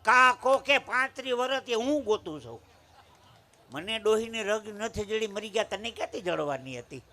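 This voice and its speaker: A man with a Kathiawadi accent tells folk comedy from a village stage, his voice pitched high and ringing with a sharp, bright edge. He lands each punchline hard and slips into the voices of the people in his stories. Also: lively intonation, normal speed. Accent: Kathiawadi Gujarati. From Saurashtra, Gujarat. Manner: punchy joke-telling, acting out quoted voices. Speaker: folk storyteller and humorist. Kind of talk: live folk comedy storytelling. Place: live stage at a village religious event.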